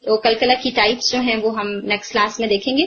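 A woman teaching tajweed in a high, clear-pitched voice, mixing English terms into her explanations. She patiently demonstrates the recited words again and again. The recording sounds a little dull and lo-fi. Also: steady tone, a bit bright. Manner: mixes Urdu with English terms. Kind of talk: online tajweed lesson.

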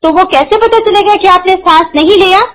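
A woman teaching the rules of Quran recitation, explaining patiently and answering her own questions as she slows down to demonstrate sounds. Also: very high-pitched, a bit bright, low-quality recording. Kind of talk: explanatory lesson.

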